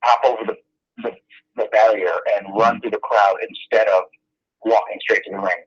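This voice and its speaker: A man's voice: on the low side, steady tone, normal speed, slightly rough. Man talking over a muffled phone line. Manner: rambling, self-deprecating storyteller. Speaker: interview guest. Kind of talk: casual phone interview.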